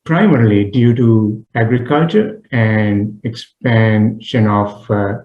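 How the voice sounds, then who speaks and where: Hesitant man from Sri Lanka on a remote line. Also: lowish voice. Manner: halting, many "uh" pauses. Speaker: interview guest. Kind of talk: remote radio interview. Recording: dull, roomy remote line.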